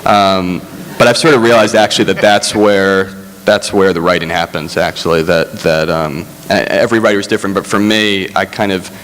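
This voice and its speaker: A man speaking as a screenwriter on a festival panel, halting and self-deprecating, with many restarts. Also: deep voice, fairly bright tone. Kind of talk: panel discussion. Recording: hall reverb, faint hum.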